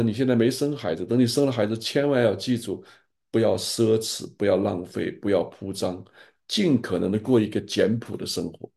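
A gravelly, dark-toned older male pastor speaks in a fairly low register. His voice is husky, and he gives earnest, fatherly advice in a relaxed pastoral sharing. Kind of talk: pastoral sharing in an online group.

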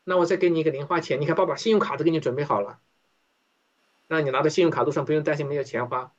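A man puts on a patient, fatherly God who coaxes and reassures in a raised, higher voice. The sound is dull and lo-fi. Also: racing, close to an everyday voice. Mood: coaxing. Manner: reassuring, coaxing, offering help. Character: patient fatherly God, older male, coaxing. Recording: dull lo-fi recording.

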